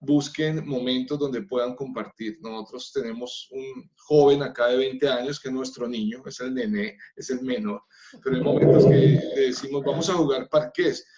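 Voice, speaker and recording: Earnest Colombian pastor, lo-fi sound. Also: male voice, mid-range voice, normal speed, mellow. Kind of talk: church family workshop talk.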